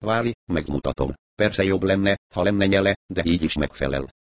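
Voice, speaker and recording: A cold, calculating man who talks quietly and in short phrases, as a male reader voices him. Deep and dry, recorded close to the mic for an audiobook. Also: no room sound, natural voice. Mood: calm.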